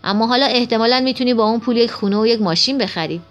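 Calm wise grandmother, voiced by a woman, storybook reading, explanatory. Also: a little high, lightly acted.

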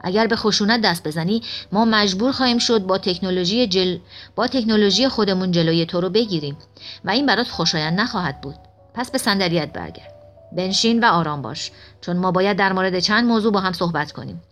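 A firm, commanding voice over a loudspeaker, as a woman reading the story gives it, measured and authoritative. It calmly warns and orders, in a storybook reading. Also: mid-range voice, soft background music, natural voice. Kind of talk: audiobook reading.

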